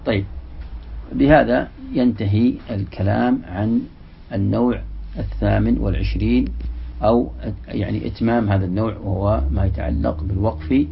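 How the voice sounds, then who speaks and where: A man giving a religious lesson, reading a passage from a classical text and then explaining it slowly, repeating the example words. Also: fairly low pitch, fairly even intonation, vocal fry, a little hiss or hum. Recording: dull, lo-fi lecture recording.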